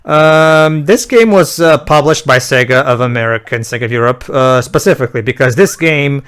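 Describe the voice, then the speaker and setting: A man with a mid-pitched voice hosts a casual game commentary. He explains in a halting way, often doubling back on his words. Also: fairly bright tone, smooth. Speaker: host of a video game commentary.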